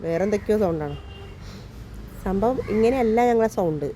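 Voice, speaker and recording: Malayali mum vlogging outside, teasing her kid, voice a bit rough from a cold, some faint background noise. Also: medium pitch, lively intonation, normal speed, mellow. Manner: coaxing, teasing talk to her child. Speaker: vlogger, mother. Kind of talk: casual family vlog chat. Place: outdoors.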